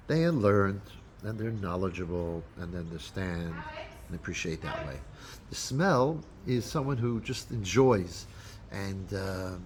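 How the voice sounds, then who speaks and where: A man's voice: fairly low pitch, a little hiss or hum. A man speaking as a rabbi, giving an unscripted holiday talk to his congregation with frequent restarts and fillers. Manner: unscripted, halting, with many restarts.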